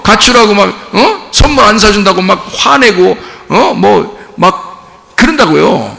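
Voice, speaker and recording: A man preaches a sermon in a church, his voice high, bright and gravelly, swinging widely in pitch as he fires questions at the congregation. The sanctuary leaves a long reverb trail behind every phrase. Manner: animated, rhetorical questions to the congregation, acts out quoted voices. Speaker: pastor.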